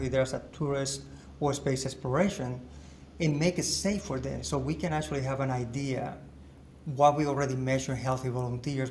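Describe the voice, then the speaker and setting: A man who works as a medical researcher, explaining his work in an interview in a measured way. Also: medium pitch, a little mellow, slight background noise. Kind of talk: interview answers.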